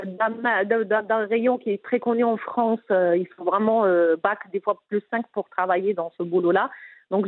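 A middle-aged woman speaks French with a strong Moroccan accent, earnest and insistent, often stumbling and restarting as she presses her point. Her voice comes through a narrow, phone-like band. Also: medium pitch. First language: Moroccan Arabic. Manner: earnest, emphatic, frequent restarts. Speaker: interviewee, businesswoman. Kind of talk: candid personal interview.

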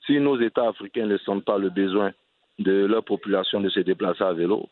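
Ivorian man, cycling advocate guest, earnest, lowish voice, dry thin phone-like audio. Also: fairly even intonation, fairly quick, dry recording. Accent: Ivorian French. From Côte d'Ivoire. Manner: earnest, restarts phrases often. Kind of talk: radio interview answers. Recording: dry, tinny phone-line sound.

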